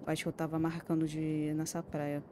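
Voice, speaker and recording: A woman's voice: low voice, level tone, quick pace, background noise. A Brazilian woman streaming a horror game, talking to herself in casual commentary, swearing often and jumping at scares. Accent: Brazilian Portuguese. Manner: swears a lot, jumpy and exclamatory.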